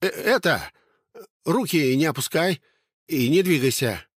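Brief: a man voicing a frantic young sentry, stuttering and squeaking up high in alarm. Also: animated, a little slow, breathy edge, no echo, studio quality. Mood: panicked. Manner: stammering, shrill, panicked yelling. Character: jittery panicky young male sentry.

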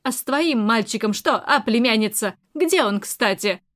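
A woman's voice: a little high, lively intonation, normal speed, a bit bright. Woman voicing a mocking, domineering older aunt. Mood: scornful. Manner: mocking, scornful.

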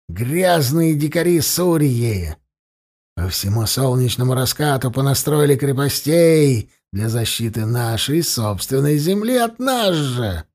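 A man reading an audiobook, voicing a blind captive singer whose hoarse, hissing voice is full of rage. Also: a little high. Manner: bitter, shouting in rage.

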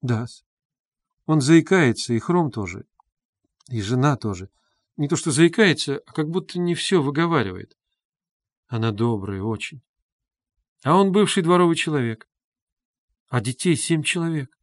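Brief: timid pale young woman, soft and pleading, storybook reading, voiced by a man, dry close sound. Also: fairly high pitch, animated, a little slow, pauses often, dry recording. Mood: shy.

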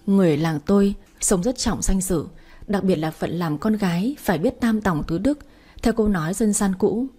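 Woman reading a sad story, husky and breathy, kinda sorrowful. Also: mid-range voice, normal speed, mellow. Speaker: audiobook narrator. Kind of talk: first-person storybook narration.

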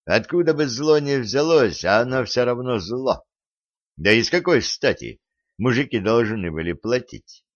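A man voicing a patient, seasoned monster hunter in an audiobook, calm and restrained with a sarcastic edge. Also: mid-range voice, moderate pace, dry recording, close to an everyday voice. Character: patient seasoned adult male monster hunter, dry wit. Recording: dull lo-fi recording.

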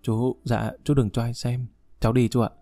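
A man reading as a polite, quick-witted young man. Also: mid-range voice, flat delivery, dark tone, dry recording, soft background music, natural voice. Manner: deferential, eager to please.

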